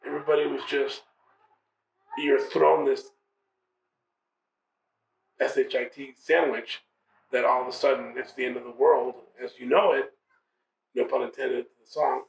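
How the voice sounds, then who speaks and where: A man's voice: medium pitch, gravelly, roomy sound, distant mic, a little hiss or hum, low-quality recording. A man in his forties answering interview questions in a blunt, plainspoken way. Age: 40s.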